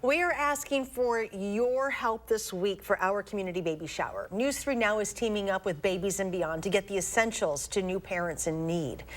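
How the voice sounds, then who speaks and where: American female news anchor, medium pitch, scripted bulletin read.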